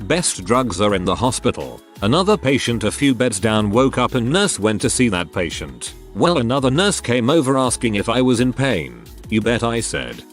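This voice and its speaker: Low, lively male narrator. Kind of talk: scripted narration of humorous online stories.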